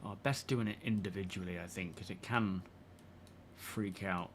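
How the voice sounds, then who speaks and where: A man's voice: sits low, fairly even intonation, normal speed, slight background noise. A man live-streaming a game, chatting casually and rambling while greeting his viewers by name. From United Kingdom.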